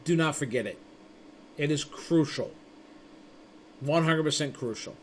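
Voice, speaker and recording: Introducing his networking course in a casual spoken lecture, this fairly high-voiced man keeps a measured pace while rambling, restarting and tripping over his words. He acts out quotes as he chats through a story, and there is a little hiss or hum in the audio.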